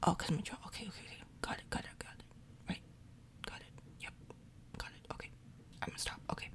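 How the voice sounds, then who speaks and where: The speaker is a woman who performs ASMR roleplay, talking casually in a hushed, breathy half-whisper while she recovers from jaw surgery. She rambles and repeats words rapidly, and the low-fidelity recording carries a steady hum of machinery.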